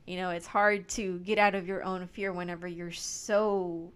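A woman's voice: on the low side, level tone, moderate pace, smooth. A woman co-hosting a podcast, speaking earnestly and reassuringly in casual chat. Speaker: podcast co-host.

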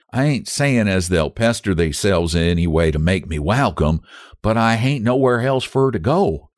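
A man voicing a shy, stubborn young mountain wife who speaks in a plain hill-country drawl, proud and quietly pleading, in a storybook reading. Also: lowish voice, no room sound, clean studio sound, pitched above the performer's own voice.

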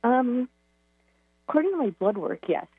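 A woman calling in to a radio show, talking casually and a little haltingly, heard through a phone speaker. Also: fairly high pitch, big pitch swings, husky, no echo. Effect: heard over a phone speaker. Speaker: caller. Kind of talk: casual call-in chat. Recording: tinny phone line on the radio.

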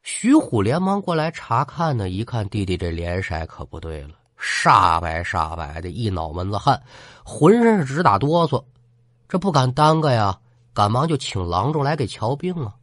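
A man telling a ghost folk tale in an animated, colloquial way, speaking straight to the listener. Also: fairly low pitch, moderate pace, dry recording, studio quality. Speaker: storyteller. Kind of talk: spoken folk-tale storytelling for a ghost-story podcast.

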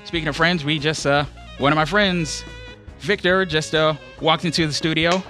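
A man hosting a radio show in natural, unscripted talk, casual and halting as he feels his way along. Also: fairly high pitch, steady tone, sharp tone. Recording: music playing under the voice. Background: background music.

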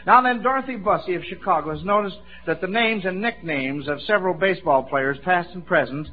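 Heard on a dull old radio broadcast, this 1940s quiz show host is an American man whose voice sits high and moves a little fast. He's folksy and encouraging, with chuckles worked into his talk.

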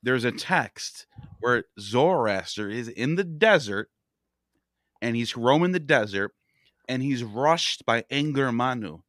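A man hosting a podcast in a middle-pitched voice, heard through a dry, close recording. He breaks in eagerly to link ideas. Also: expressive, slow pace, fairly bright tone, dry recording. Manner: eager, interjecting, cuts in with connections. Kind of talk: conversational podcast discussion.

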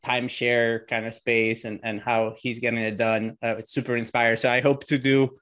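A man's voice: mid-range voice, flat delivery, moderate pace, fairly bright tone. A man in his thirties from Sardinia, Italy, chatting as a guest on a podcast, talking loosely with frequent restarts and fillers. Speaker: podcast guest, real estate entrepreneur. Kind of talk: casual interview chat.

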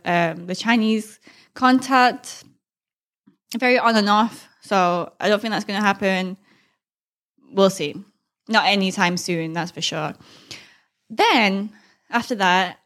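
A woman's voice: mid-range voice, a bit bright. A woman with a mixed Thai-English accent chats casually as a solo podcast host, candid and informal in a rambling way. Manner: candid, informal, rambling, with frequent slang and mild swearing.

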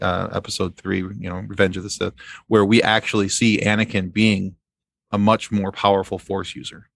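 As a guest on a casual fan discussion podcast, a man explains things in a halting, rambling way. His voice sits fairly low with vocal fry, and there is no echo.

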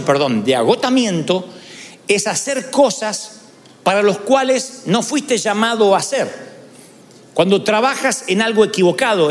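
A man's voice: high-pitched, in a large hall. A man preaching a sermon in a church, telling stories and acting out inner voices. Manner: animated storytelling preacher, acts out inner voices. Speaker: pastor.

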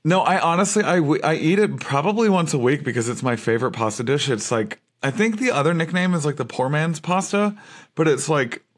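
A man's voice: a little high, expressive, a little fast. A man co-hosting a casual chat show, playful and campy, gushing with emphatic slang. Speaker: podcast co-host.

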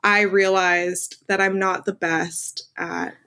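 The voice is medium-pitched and flat, slow, pushed and bright yet smooth. It belongs to a twenty-something woman, Armenian by first language, who is a guest lawyer responding candidly and earnestly to interview questions, leaning on fillers as she goes.

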